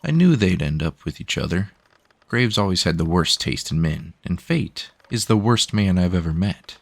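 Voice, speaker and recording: A man voicing a smug, paranoid male crime boss who speaks slowly and with great overconfidence. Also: low-pitched, expressive, vocal fry, no echo, full character voice. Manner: slow, overconfident.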